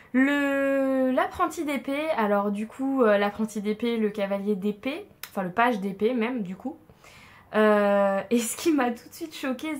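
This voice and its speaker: A woman doing a casual tarot card reading for her viewers, chatty and reassuring with many fillers. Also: fairly high pitch. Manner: chatty, warm and reassuring, frequent fillers and soft laughs. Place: home room, with a tripod-mounted camera.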